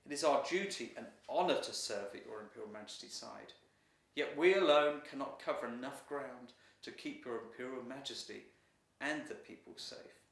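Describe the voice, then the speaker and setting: Through a distant microphone in an echoey room, a man voices the emperor's faithful guardian lion in a storybook. His medium-pitched voice has vocal fry, is near his everyday speech and moves at normal speed, and the lion speaks formally, with solemn deference.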